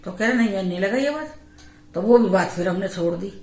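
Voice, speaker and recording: A woman's voice: mid-range voice, fast. A middle-aged woman vlogger casually telling a true haunted story from her family's life, acting out what each person said. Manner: animated, acts out quoted family voices. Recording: echoey home room.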